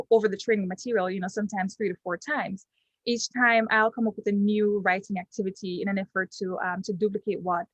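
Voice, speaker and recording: A young Jamaican woman whose first language is Patois gives an unscripted client testimonial in a Jamaican accent. Her middling-pitched speech is hesitant, with frequent halts, ums and restarted phrases. The recording is dry and muffled, with no echo or room sound.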